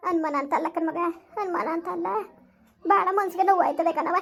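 A woman's voice: very high-pitched, fairly quick, gravelly. A woman playing a grieving elderly village mother-in-law in an amateur family skit, with plaintive, lamenting rural speech. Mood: hurt, tearful.

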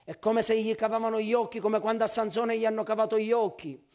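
A man's voice: high-pitched, little pitch movement, fast talker, darkish tone. A male pastor preaching a sermon at a church service, impassioned and crying out prayers.

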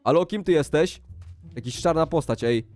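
Excitable high-voiced gaming YouTuber. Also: male voice, normal speed, faint music behind. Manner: excitable, exclaiming, chatty. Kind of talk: Minecraft role-play with shop plugs.

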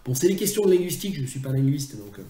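A man's voice: medium pitch, very animated, racing, warm tone, echoey room. A man teaching translation in a recorded video lecture, chatty and self-mocking, often drifting into asides.

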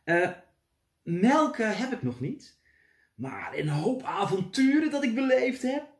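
A man's voice: extremely high pitch, very animated, takes it slowly, pitched above the performer's own voice, full character voice. A man voicing a kind, fretful young fairy-tale hero in a storybook reading, startled and pleading. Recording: echoey room.

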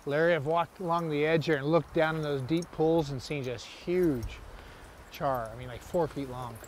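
A laid-back man guiding anglers by a river, teasing the group. His voice sits a bit high. Faint outdoor noise lies behind him. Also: normal speed. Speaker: fishing guide. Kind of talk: casual outdoor chat.

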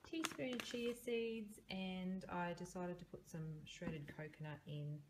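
A woman's voice: lowish voice, a little slow, slight background noise. A woman in her thirties with an Australian accent, chatting casually through her meal prep in a home kitchen, recorded on a phone. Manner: chatty, upbeat, frequent ums. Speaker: vlogger. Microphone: phone camera held close.

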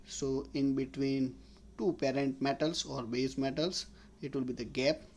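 A man's voice: medium pitch, fairly even intonation, a little slow, a little mellow. A man, giving a slide lecture as an engineering tutor and explaining step by step while restating his points. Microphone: voice-over on slides.

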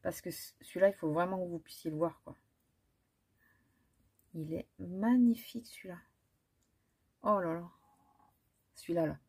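A woman's voice: lowish voice, normal speed, pauses often, warm tone, slightly rough. A woman, chatting casually through a makeup haul with many fillers and restarts. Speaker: beauty vlogger. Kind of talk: casual haul chat with swatches.

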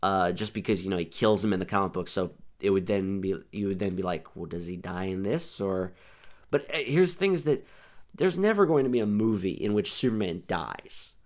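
A man's voice: low-pitched, expressive, brisk. A young man hosting a podcast in casual chat, rambling and restarting his sentences often. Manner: rambling, restarts often, says "here's the thing". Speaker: podcast host.

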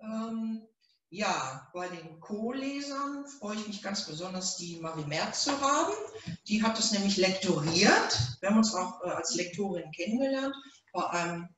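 A woman's voice: mid-range voice, animated, normal speed, a bit bright. A middle-aged woman, the author, hosting a reading and chatting casually with many fillers, recorded from a far camera in a small room. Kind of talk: casual event introduction. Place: small event room, indoors. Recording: roomy echo, mic far off.

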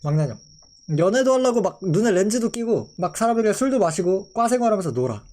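A man's voice: high voice, sing-song, fast, a little mellow. A young man in his twenties, a streamer chatting casually with his viewers, playful and mock-outraged.

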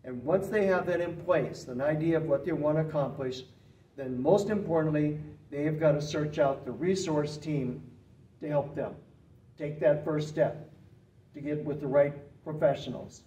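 An older man speaking as a guest expert in an interview, explaining in an earnest, emphatic and steady way, seated in a small indoor studio room. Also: on the high side, normal speed. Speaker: retired farm management professor, guest expert. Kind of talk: interview answers. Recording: roomy, slightly distant, faint hiss.

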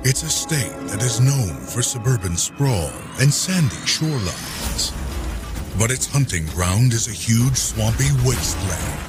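A man's voice: medium pitch, big pitch swings, measured pace. A man reading scripted narration for a top ten countdown in a dramatic, ominous manner. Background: music.

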